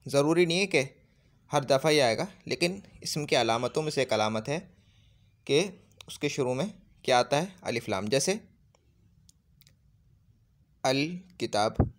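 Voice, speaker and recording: A man's voice: medium pitch, animated, moderate pace. A man teaching Arabic grammar, patiently repeating points and checking whether his listeners have understood. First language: Urdu. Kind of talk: classroom lesson.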